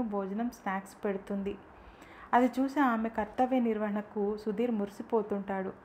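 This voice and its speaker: A woman narrates an audiobook story in a calm, measured way. Her voice sits at a middle pitch, and a faint hiss stays under the recording throughout.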